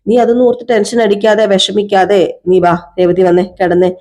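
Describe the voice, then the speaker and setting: A woman's voice: mid-range voice, moderate pace, warm tone, natural voice. A woman voicing a patient young husband who soothes and coaxes his crying wife. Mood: worried. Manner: soothing, coaxing.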